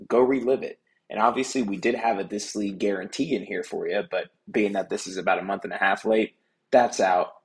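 A man hosting a podcast, recording a casual intro in his office, with a hollow, echoing sound as if he were speaking from inside a tunnel. He talks in an upbeat, joking way with quick asides. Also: lowish voice. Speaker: podcast host.

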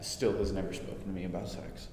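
A young man with a lowish voice chats casually and candidly as a podcast co-host. His words ring around a very echoey room with a long reverberant tail, as if in a hard-walled space, over faint noise. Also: level tone, fast, darkish tone. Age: young adult. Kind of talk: casual chat.

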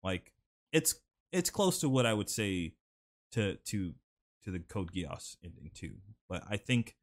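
A man's voice: low voice, sing-song, unhurried. A young man talking casually on a podcast, drifting through a long story with plenty of fillers and restarts. His studio mic is turned slightly off-axis. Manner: rambling storyteller, lots of "like" fillers. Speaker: podcast host. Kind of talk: casual chat.

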